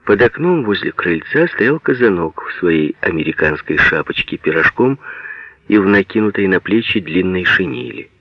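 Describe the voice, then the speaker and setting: A man narrates a literary audiobook in a measured, even way. His voice sits fairly low. It is recorded close and dry, and the sound is dull and lo-fi. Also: no echo.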